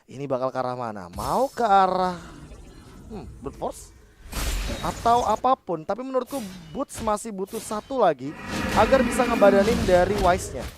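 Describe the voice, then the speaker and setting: Man, esports co-commentator, excitable hype calls, very high voice, music behind. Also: moderate pace. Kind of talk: live game commentary.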